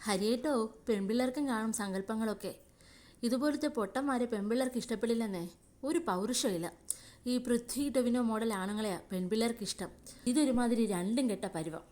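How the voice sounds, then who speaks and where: A woman voicing a spirited, sharp-tongued young woman in a story reading. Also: a little high, a little fast, lightly acted. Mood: teasing.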